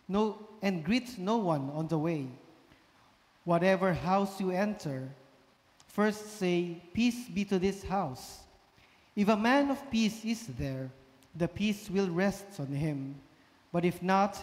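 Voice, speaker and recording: A man proclaims scripture in a high-pitched voice, slowly and solemnly. The sound carries a long cathedral echo, as in a large church. His delivery is formal and liturgical. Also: darkish tone. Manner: solemn, measured. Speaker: minister proclaiming the gospel at Mass. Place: large church sanctuary, indoors.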